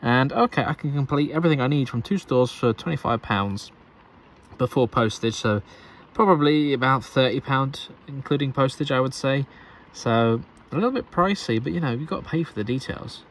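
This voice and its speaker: A man's voice: mid-range voice, normal speed. A man narrating his Lego building in a chatty, upbeat way, thinking aloud as he goes. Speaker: Lego builder and channel host. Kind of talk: casual narration over build footage.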